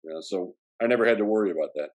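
A man with a lowish voice talks rapid-fire in a strong Chicago accent; he's from the south side. Appearing as an actor guest in an interview, he rambles through his story, restarting and saying "you know" again and again.

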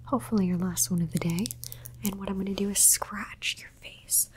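A woman whispering an ASMR roleplay in a soft, teasing and playfully bossy way. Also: mid-range voice, fairly even intonation, fairly quick, slight background noise. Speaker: ASMR creator.

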